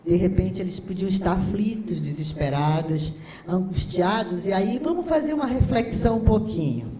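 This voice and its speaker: A woman's voice: on the low side, lively intonation, moderate pace, mellow, a little hiss or hum. A Brazilian woman in her sixties giving an impassioned, rhetorical conference lecture with a Brazilian Portuguese accent. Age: 60s. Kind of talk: conference talk. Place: lecture hall. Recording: echoey hall recording.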